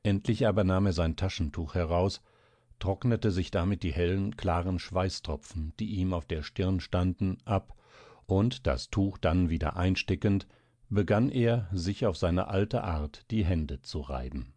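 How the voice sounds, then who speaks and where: Ein Mann liest einen klassischen Roman vor, mit sehr tiefer Stimme und ruhigem, gleichmäßigem Erzählton. Die Aufnahme ist trocken, ohne Hall, nah am Mikrofon. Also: male voice, low-pitched, a little slow, dark tone. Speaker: narrator. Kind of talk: audiobook reading of a classic novel.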